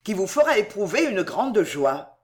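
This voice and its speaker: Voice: medium pitch, very animated, a little slow. A reader voicing an anxious lady of the house who breaks good news in a trembling, agitated voice.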